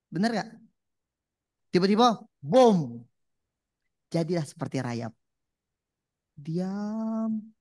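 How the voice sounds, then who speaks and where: A woman preacher giving a lively religious talk, punchy and repetitive, often asking the audience questions. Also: on the high side. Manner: punchy, repeats catchphrases, asks the audience questions.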